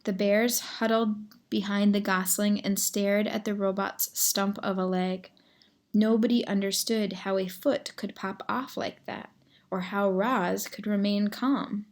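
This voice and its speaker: Reading a children's novel as narrator, a woman at medium pitch keeps a measured, expressive delivery and now and then turns to address the reader herself.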